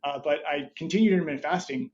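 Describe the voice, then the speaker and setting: A man's voice: a little high, fast talker. Man, thirties, podcast guest, rambling, restarts, a bit muffled, faint background noise. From Budapest, Hungary, raised there as an American. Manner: rambling, many restarts, laughs between thoughts. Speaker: guest, startup founder. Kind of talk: casual interview chat.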